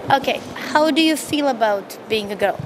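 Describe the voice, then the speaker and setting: A woman's voice: high voice, lively intonation, moderate pace. A woman interviewer asking brief, plain questions outdoors. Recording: outdoor recording with traffic noise.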